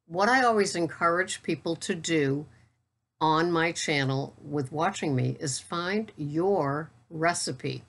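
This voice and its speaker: A keto vlogger and coach in her sixties talks casually to the camera in a notably low voice, unhurried and even. She describes her own delivery as a monotone and keeps things steady and matter-of-fact, with the occasional wry aside.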